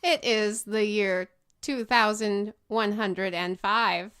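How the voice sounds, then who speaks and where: A woman voicing a polite, overly helpful male robot newsstand attendant from the future, speaking slowly and evenly. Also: mid-range voice, fairly bright tone, clean tone. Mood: calm, helpful. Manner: slow, measured, overly helpful.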